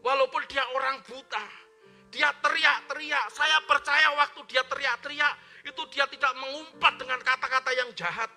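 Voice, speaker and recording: A man preaching a sermon in church, speaking loudly and forcefully and calling on the congregation to repeat his words. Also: very high voice, steady tone, normal speed. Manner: loud forceful preaching with call-and-response prompts. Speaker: pastor. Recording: live-streamed church service with faint music.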